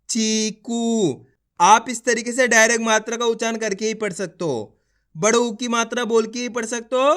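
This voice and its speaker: Slow, clear-voiced male reading teacher. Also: high voice, fairly bright tone. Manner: sounds out syllables one by one, then blends them into words; encouraging, repeats instructions to viewers. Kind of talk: beginner reading lesson.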